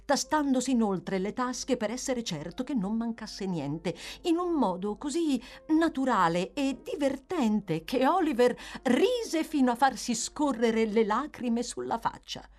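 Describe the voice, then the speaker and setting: A woman narrating a classic novel in a lively, theatrical reading style. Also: fairly high pitch, a little slow, few pauses. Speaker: audiobook narrator. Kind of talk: expressive literary reading.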